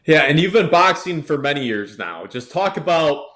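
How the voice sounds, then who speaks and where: Higher-voiced man hosting a casual interview. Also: big pitch swings, moderate pace, a bit bright. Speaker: interview show host.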